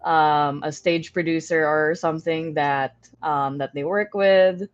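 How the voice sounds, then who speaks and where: Female livestream co-host, lowish voice, casual and informal, slightly dull audio with music behind. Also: steady tone, a little slow, no echo. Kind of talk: casual chat.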